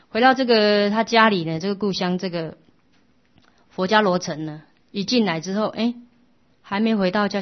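A woman teaching a Buddhist dharma talk, telling a story in a gentle, storytelling way. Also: on the low side. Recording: dull lo-fi sound.

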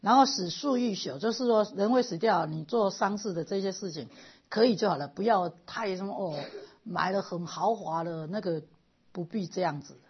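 A middle-aged woman giving a lively, animated storytelling lecture as a Buddhist lay teacher. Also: medium pitch, normal speed, husky, highs cut off.

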